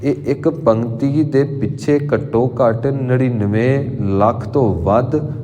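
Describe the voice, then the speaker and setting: Deliberate male preacher in a reverberant hall. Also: medium pitch, mellow. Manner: deliberate teacher, slowly intoning verses and stressing syllables. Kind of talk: scripture exposition sermon. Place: temple hall.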